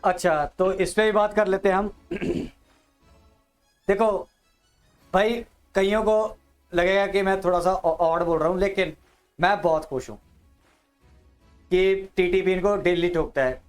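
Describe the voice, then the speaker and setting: High, smooth-voiced blunt man. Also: fairly even intonation, a little slow, long pauses, faint music behind. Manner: blunt, chatty, direct address. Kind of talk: casual podcast chat.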